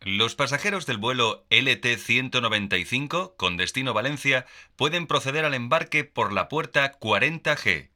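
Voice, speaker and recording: A man's voice: medium pitch, animated, normal speed, sharp tone. A man voicing a formal airport announcement, in a scripted public-address style.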